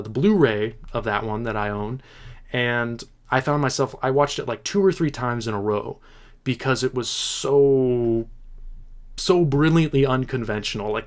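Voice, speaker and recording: Halting, thoughtful male film host. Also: medium pitch. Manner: halting, thoughtful, with frequent restarts; enthusiastic about films. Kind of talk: casual film chat answering viewer questions.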